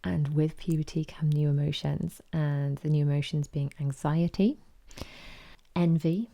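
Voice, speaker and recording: Brief: woman podcast host, chatty storyteller, low and gravelly, mellow tone. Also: measured pace. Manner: chatty, animated retelling with quoted voices. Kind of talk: casual chat.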